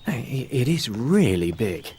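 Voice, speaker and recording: A hapless, chatty everyman in an audio drama. His mid-pitched voice swings widely, excitable and comic, with faint noise behind it. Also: a little slow. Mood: wistful, chatty.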